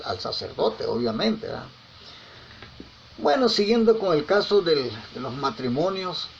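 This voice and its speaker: Gravelly preacher man, lo-fi recording. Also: on the high side, a little hiss or hum. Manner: folksy storytelling with frequent tag questions; repeats and restarts words often. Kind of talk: conversational sermon. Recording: slightly dull lo-fi with faint ambience.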